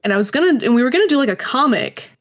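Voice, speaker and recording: Rapid-fire and high-voiced with lively intonation, a woman interviewed about creating audio dramas tells casual, self-deprecating stories. As a guest, she acts out short quoted exchanges.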